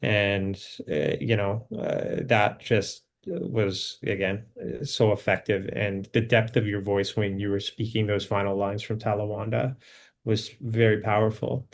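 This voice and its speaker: A man who is a filmmaker guest in a casual conversation. He speaks thoughtfully and with hesitation, with many pauses. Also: on the low side, steady tone, vocal fry.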